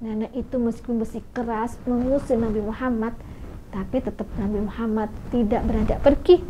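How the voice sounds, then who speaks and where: A woman telling a children's story live on radio, lively and speaking straight to her young listeners. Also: fairly high pitch, a little fast, slight background noise. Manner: lively, addresses listeners directly. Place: radio studio. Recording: muffled radio studio audio.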